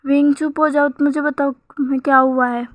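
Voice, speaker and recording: A woman's voice: sits high, little pitch movement, moderate pace, dry recording, highs cut off, natural voice. Girl voicing a worried young guy friend, soothing, asks lots of questions. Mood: concerned. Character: caring young male friend.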